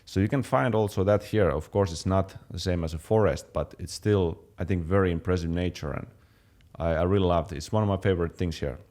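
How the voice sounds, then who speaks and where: A young man from Finland chatting casually as a fitness channel co-host, relaxed, with many fillers and restarts. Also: low voice, a little fast. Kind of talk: casual chat.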